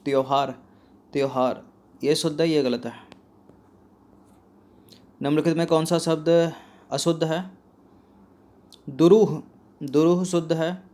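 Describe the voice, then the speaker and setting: A man's voice: a little high, fairly even intonation, takes it slowly, long pauses, a little mellow. A man teaching spelling for an exam practice set, who puts a question to his students and then answers it himself. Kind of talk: spelling lesson walking through a practice test.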